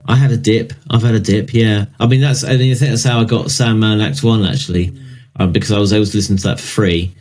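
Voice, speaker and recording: A man's voice: lowish voice, steady tone, fast, darkish tone. A man co-hosting a podcast, chatting casually in a joking, self-deprecating way. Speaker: podcast co-host.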